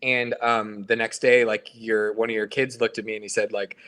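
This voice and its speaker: A man's voice: on the low side, little pitch movement, normal speed, sharp tone, clear, resonant tone. A man, a band member, chatting casually and rambling in a podcast with lots of fillers and restarts.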